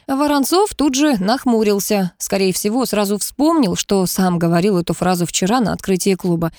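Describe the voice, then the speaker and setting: A woman's voice: medium pitch, darkish tone, no room sound, studio quality. A woman narrating an audiobook in a wry, ironic tone.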